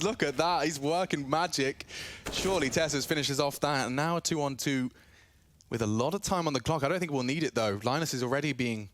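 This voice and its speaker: A man commentating a live esports match as a play-by-play caster, with a dramatic delivery. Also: medium pitch. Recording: clear game gunfire and clicking noise behind. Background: game gunfire and clicks.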